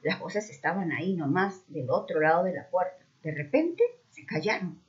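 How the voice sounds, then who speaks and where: A woman narrating a children's mystery story aloud, expressive and acting out the dialogue. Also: lowish voice, normal speed. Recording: dull muffled recording.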